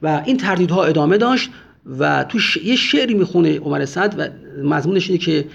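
A man's voice: fairly high pitch, animated, vocal fry. A man giving a religious history lecture, speaking emphatically and often urging listeners to pay close attention. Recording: dull lo-fi recording.

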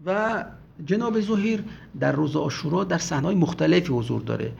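Gravelly-voiced man giving a religious lecture. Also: a little high, lively intonation, darkish tone. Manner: emphatic, retells scenes with acted quotes. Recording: dull lo-fi recording.

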